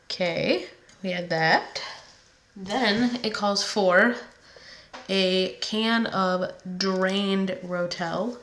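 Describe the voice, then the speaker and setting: Speaking extremely slowly, a cooking vlog host uses a mid-range voice with a fairly bright tone. A head cold on its way out leaves her sounding nasal, and she chats in a rambling, laid-back way full of fillers. She's in her home kitchen, where the recording is echoey with a faint background hum.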